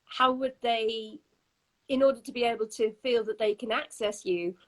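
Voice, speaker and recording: A woman's voice: on the high side, steady tone, moderate pace, poor audio. A woman interviewer who asks long, rambling, hesitant questions.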